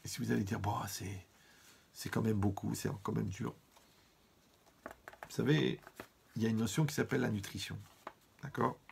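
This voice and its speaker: A man giving a lively Torah lesson, talking straight to his listeners and using funny everyday examples. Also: on the low side, vocal fry, slight background noise. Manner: lively, talks to listeners directly, humorous examples. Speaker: rabbi teaching Torah.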